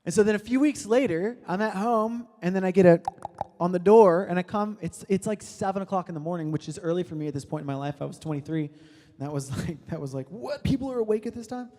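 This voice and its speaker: A man's voice: sits high, fairly even intonation, quick pace, dark tone. A young man in his twenties gives a casual, joking storytelling sermon full of fillers. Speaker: speaker at a youth prayer service. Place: church hall. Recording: long reverb of a hall.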